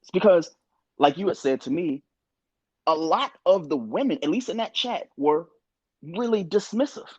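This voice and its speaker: Young guy on a podcast, husky voice, opinionated rant, kinda dull sound. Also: fairly high pitch, normal speed, no echo. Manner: animated, opinionated, quotes others in voices. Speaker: podcast co-host. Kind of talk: casual podcast discussion.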